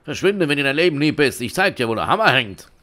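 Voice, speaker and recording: A boastful male trader who barks threats and then squeals high and pleading when he gets hurt, as a man voices him while playing a game. His pitch jumps all over the place. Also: very animated, unhurried, a bit bright, full character voice. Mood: threatening. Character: blustering male market trader who turns cowardly. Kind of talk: reading game dialogue aloud in character.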